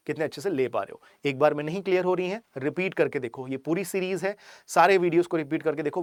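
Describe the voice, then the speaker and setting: Male vocab teacher, slightly high voice, dry mic, slow English examples. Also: no room sound. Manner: explains in Hindi, reads English examples slowly. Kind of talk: online exam-prep vocabulary lesson.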